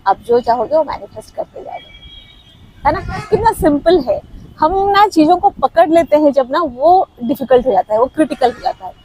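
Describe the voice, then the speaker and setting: A woman's voice: high-pitched, lively intonation, normal speed, mellow, low-quality recording. A woman giving a casual motivational talk to camera outdoors, coaxing and conversational, dropping English words into her sentences. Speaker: motivational speaker.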